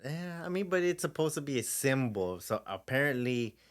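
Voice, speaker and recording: A man's voice: medium pitch, animated, moderate pace. A man co-hosting a podcast, joking along and agreeing with short replies. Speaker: podcast co-host. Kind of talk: casual chat.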